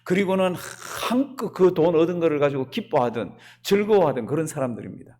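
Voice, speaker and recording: A man preaching in a church, his pitch sitting a little high and swinging widely. He keeps throwing rhetorical questions at the congregation and answers them himself. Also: a little fast. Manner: animated preaching with rhetorical questions and acted quotes. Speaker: pastor. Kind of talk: sermon. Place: church sanctuary.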